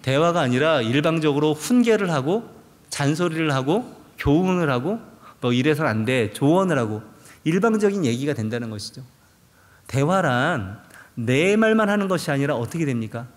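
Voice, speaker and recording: A man's voice: on the high side, very animated, moderate pace. A male pastor preaching a sermon, asking the congregation rhetorical questions and acting out quoted prayers. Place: large church sanctuary. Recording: long church hall reverb.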